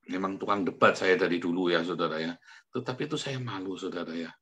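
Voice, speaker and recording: A male pastor giving a chatty, colloquial sermon, often turning to the congregation, laughing at himself and breaking into sudden loud outbursts between quiet asides. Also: sits low, quick pace. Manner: colloquial, chatty preaching, keeps addressing the congregation; self-mocking, laughs as he talks.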